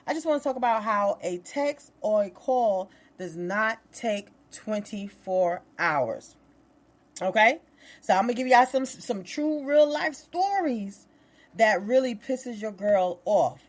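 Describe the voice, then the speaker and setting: Woman, podcast host, casual storytelling, animated, exasperated, slang-heavy. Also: medium pitch, takes it slowly.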